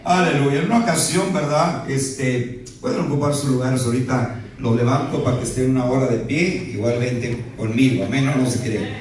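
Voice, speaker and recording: Pastor preaching in an echoey hall. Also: male voice, mid-range voice, moderate pace, darkish tone, recorded from a distance, slight background noise. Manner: peppers speech with "¿verdad?" and playful asides. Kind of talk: sermon. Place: church sanctuary.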